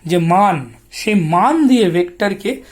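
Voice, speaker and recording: A woman's voice: medium pitch, expressive, takes it slowly. Woman, West Bengal Bengali accent, math lesson, patient explaining, rhetorical check-ins, English terms mixed in. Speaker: teacher.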